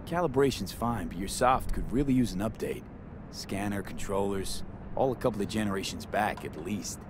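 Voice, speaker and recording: Actor as a low-voiced, terse streetwise mercenary man. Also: moderate pace, lightly acted. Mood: matter-of-fact. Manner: terse, dry, casual. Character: tough, terse, streetwise male tech-savvy mercenary. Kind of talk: video game voice acting. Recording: faint vehicle noise behind voice.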